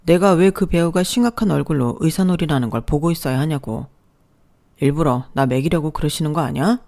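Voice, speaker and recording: A narrator doing a touchy, resentful young husband. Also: male voice, a little high, fairly quick, gravelly. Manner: resentful, sharp, accusing.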